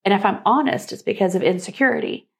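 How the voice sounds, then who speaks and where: A woman's voice: medium pitch, quick pace, creaky. A woman co-hosting a faith-based talk show, speaking in an earnest, reflective conversational way. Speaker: co-host.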